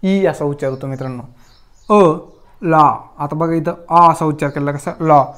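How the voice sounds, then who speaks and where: A man's voice: fairly high pitch, steady tone, fast talker, a bit bright. A man with a Marathi accent teaching English reading at a whiteboard, drilling each vowel sound over and over and addressing viewers as friends. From Maharashtra, India. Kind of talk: whiteboard lesson.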